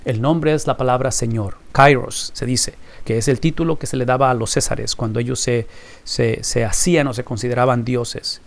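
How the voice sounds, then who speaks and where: A man's voice: mid-range voice, fairly even intonation, moderate pace, creaky. A man teaching a recorded Bible class, emphatic and fond of rhetorical questions he answers himself.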